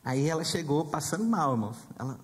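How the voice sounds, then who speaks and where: A middle-aged man with a Brazilian accent preaches, telling stories and calling out to the congregation. His voice sits a little high and swings widely in pitch. The sound carries a long reverb, as if recorded in a church hall. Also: lively intonation, a little fast. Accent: Brazilian Portuguese. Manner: storytelling, addressing the congregation often. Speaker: pastor. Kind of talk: sermon.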